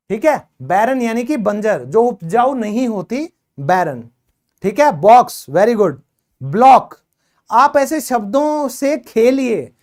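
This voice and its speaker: Slow, encouraging male English teacher. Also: extremely high pitch. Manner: encouraging, quizzing students; explains in Hindi with English words. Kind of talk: classroom phonics lesson.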